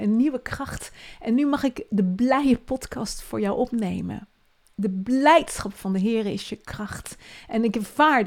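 Woman doing a devotional podcast, earnest and encouraging, goes soft and hushed a lot. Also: mid-range voice. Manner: earnest and encouraging, often dropping to a soft hush.

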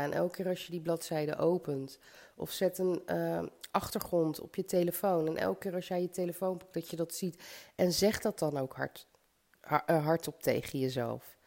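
A woman's voice: fairly low pitch, warm tone. A woman with a slight cold and stuffy nose, giving an encouraging motivational podcast monologue straight to the listener. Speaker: podcast host. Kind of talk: motivational self-help podcast monologue, addressing the listener directly.

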